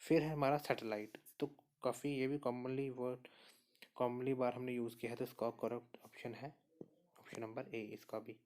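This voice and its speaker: Male teacher, mid-pitched, steady and patient, talks through each answer and repeats the key points. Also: normal speed. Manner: steady explainer, repeats answers and says "okay" often. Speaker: exam prep teacher. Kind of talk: spoken lesson walking through quiz answers.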